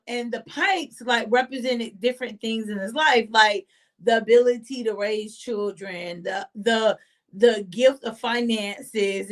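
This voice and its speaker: A woman with a high, bright voice gives a casual devotional talk on her live stream. She talks straight to her listeners, calling them y'all, and she breaks often into lively exclamations. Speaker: host of a faith live stream.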